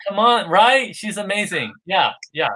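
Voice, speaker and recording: This guest is a man from California chatting on a video call for a casual livestream, rambling with enthusiasm and frequently starting over. He has a high, bright voice with a forceful edge, expressive yet unhurried.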